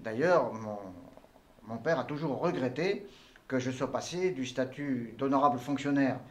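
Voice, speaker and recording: An older Tunisian man, appearing as an entrepreneur guest, answers interview questions in a mid-range voice at normal speed. His phrasing is formal and elaborate, with frequent hesitations.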